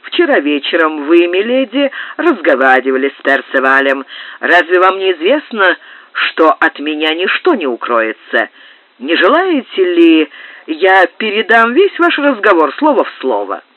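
A woman's voice: lowish voice, sing-song, unhurried, dry recording. A woman reading an audiobook, voicing a domineering, jealous marquis who speaks coldly and insinuatingly. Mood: menacing. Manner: cold, insinuating. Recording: tinny narrow-band dry digitized tape.

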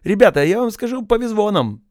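A naive, mild young recruit who swallows his L and R sounds and brags gently, as a man reading the story puts him on. The voice sits higher than the reader's own, in a dry close recording. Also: lively intonation, fast, no room sound. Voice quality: cannot pronounce L and R. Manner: mild, polite, boastful. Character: naive young male recruit with speech defect.

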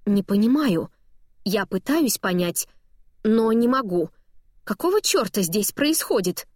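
A woman's voice: medium pitch, sing-song, unhurried, dry recording, studio quality. A woman voicing an angry, suspicious woman tourist who hurls accusations in an audiobook. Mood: accusing. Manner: accusing, sharp outbursts. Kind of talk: audiobook dialogue.

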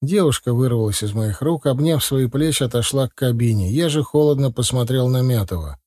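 A man reading a first-person audiobook in a steady, measured way. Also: mid-range voice, no room sound, clean studio sound. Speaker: audiobook narrator.

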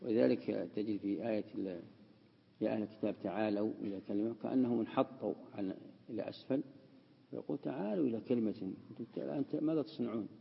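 Gravelly-voiced sheikh teaching in a hall. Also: male voice, lowish voice, quick pace, highs cut off. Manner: explanatory, repeats key words. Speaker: sheikh teaching a classical text. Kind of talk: lesson explaining Quranic word usage.

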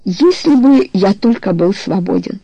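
A reader voicing a tormented married man who confesses his love in halting, emotional pleas, in an audiobook. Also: medium pitch, expressive, gravelly, warm tone, slightly rough, dry recording, lo-fi sound, exaggerated voice. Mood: anguished pleading.

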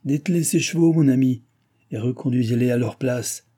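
A man voicing a calm, courteous young officer who speaks formally. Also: mid-range voice, normal speed, close to an everyday voice. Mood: composed.

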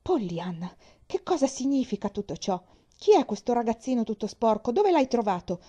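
A woman's voice: on the low side, big pitch swings, measured pace, dark tone, slightly rough, lo-fi sound, full character voice. A woman doing a stern disapproving aunt. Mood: shocked, stern. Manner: curt, clipped questions. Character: stern, prim older aunt, sharp and disapproving.

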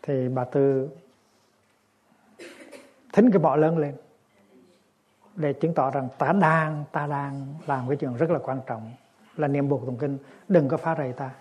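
A man, a Buddhist monk, giving a dharma talk in a gentle storytelling manner that turns lively in the anecdotes. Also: mid-range voice, a little slow, long pauses, breathy edge, lo-fi sound. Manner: gentle storytelling, lively when acting scenes.

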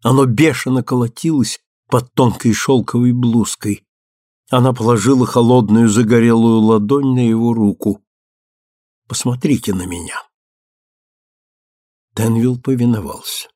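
A man narrating a novel as an audiobook in a measured, even reading. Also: mid-range voice, dry recording, studio quality. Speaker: audiobook reader.

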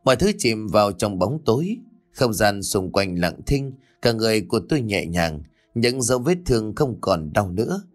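Low-voiced man narrating a ghost story. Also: animated, normal speed.

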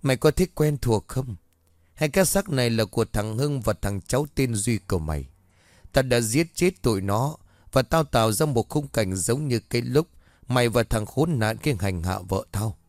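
A man's voice: mid-range voice, expressive, moderate pace, darkish tone, no echo, studio quality, natural voice. A man voicing a vengeful middle-aged man who gloats over his enemy in a cold, menacing way in a spoken horror story. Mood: gloating.

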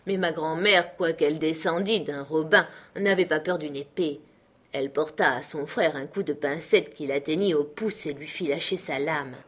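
A woman reading a classic novel aloud as an audiobook, in a measured and expressive storytelling manner. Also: low-pitched. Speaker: audiobook reader. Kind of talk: literary narration.

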